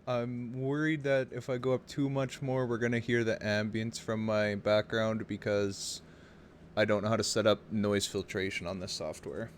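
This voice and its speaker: A man's voice: on the low side, little pitch movement, normal speed, a little hiss or hum. A man narrating a tabletop game as game master, informal and hesitant, improvising as he goes. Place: home, over online voice chat. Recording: home voice chat with background ambience.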